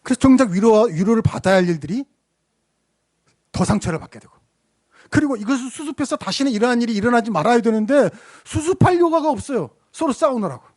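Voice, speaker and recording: A man's voice: extremely high pitch, lively intonation, fast, darkish tone. A middle-aged man preaching a sermon as a pastor, telling a story and asking the congregation rhetorical questions with rising emphasis. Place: church sanctuary.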